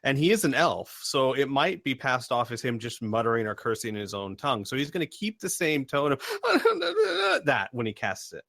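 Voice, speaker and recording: A man's voice: mid-range voice, big pitch swings, moderate pace, gravelly, few pauses, a bit bright, no room sound. Casual male gamer in a dry room. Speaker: tabletop game player. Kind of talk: casual game-table chat.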